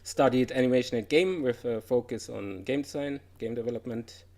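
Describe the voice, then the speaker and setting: The speaker is a German man whose medium-pitched voice is brisk, gravelly and darkish. He delivers an informal conference talk on his game development career, filling it with "uh"s and light laughter in a chatty style.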